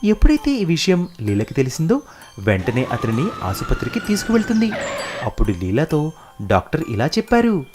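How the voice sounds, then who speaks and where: Brisk and lively, a narrator delivers children's moral stories in a scripted storybook style, voice moving up and down in pitch over faint background music.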